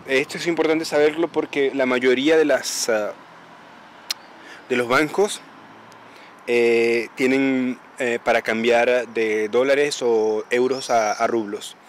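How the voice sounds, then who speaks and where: A man's voice: medium pitch, fairly even intonation, slow pace, slight background noise. A man vlogging as he walks through empty city streets at dawn, spelling out signs letter by letter in a casual way and repeating himself often. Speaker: travel vlogger. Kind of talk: walking vlog, reading street signs.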